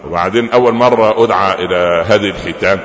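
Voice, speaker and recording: A man's voice: sits low, fast. A man with an Egyptian Arabic accent giving a sermon, telling stories with rhetorical questions and humorous asides. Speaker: preacher. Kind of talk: sermon lecture. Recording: echoey hall, lo-fi with faint noise.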